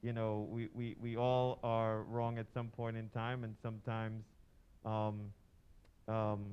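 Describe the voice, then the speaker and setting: Hesitant man, smooth voice. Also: lowish voice, level tone, highs cut off. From Trinidad and Tobago. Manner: halting, many fillers and restarts. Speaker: workshop participant. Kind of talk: church workshop discussion.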